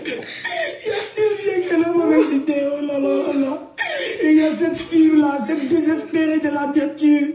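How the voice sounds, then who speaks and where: A woman's voice: high-pitched, moderate pace, reverberant, far from the mic, music in the background, lightly acted. A woman playing a weeping, begging singer. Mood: wailing. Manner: tearful begging, repeats "monsieur Gérard".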